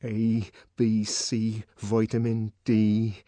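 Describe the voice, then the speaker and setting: A man's voice: on the low side, monotone, drawn-out words, warm tone, dry recording. A man voicing an indignant young man whose voice trembles with anger. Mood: murmuring.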